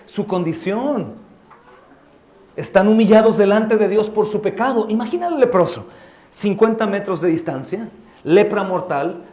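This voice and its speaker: In a church sanctuary, a male pastor with a high, darkish voice preaches fervently, his words echoing around the room. He frequently acts out the voices of other people in the scenes he recounts.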